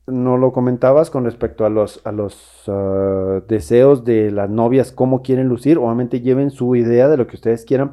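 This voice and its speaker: A man with a Mexican accent hosting a podcast in a relaxed way, giving advice directly to brides. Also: medium pitch. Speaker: podcast host. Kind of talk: casual podcast chat.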